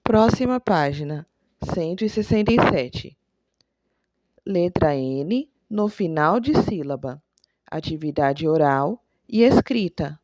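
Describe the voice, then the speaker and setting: A woman's voice: low voice, animated, slow pace, darkish tone, dry recording. A woman teacher reads textbook exercises to young pupils in a remote lesson and explains each step patiently with examples. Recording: dull lo-fi sound.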